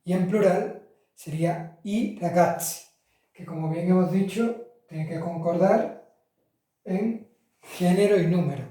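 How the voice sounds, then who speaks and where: Warm and high-pitched, a man takes his time teaching Italian articles to Spanish speakers. His casual classroom talk includes fillers and corrections of himself. The audio has a roomy echo, picked up from a distance.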